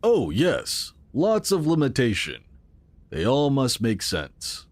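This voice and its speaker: A male actor takes on the part of a futuristic city's earnest, calm founder in a sci-fi audio drama, explaining in a measured and formal manner. His medium-pitched voice has no echo, and he sounds patient and explanatory.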